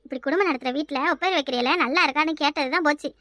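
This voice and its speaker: A hurt, sharp-tongued young village wife, as a woman voices her in a cartoon, speaking Kanyakumari Tamil. Her voice is very high and bright, quick and dry. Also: dry recording. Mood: complaining. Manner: bitter, complaining, sharp-tongued. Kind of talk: cartoon voice acting.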